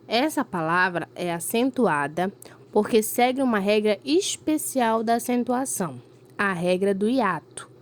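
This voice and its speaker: A woman teacher, giving a recorded lesson to a fifth-grade class and explaining patiently step by step with frequent check-ins. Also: medium pitch. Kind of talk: recorded remote school lesson.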